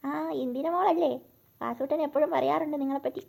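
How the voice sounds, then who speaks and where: A woman voicing a cheerful old grandmother with a sweet tooth in a cartoon, with a gravelly, creaky voice and an easygoing, teasing manner. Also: sits high, quick pace, darkish tone, slight background noise, pitched below the performer's own voice. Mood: warm.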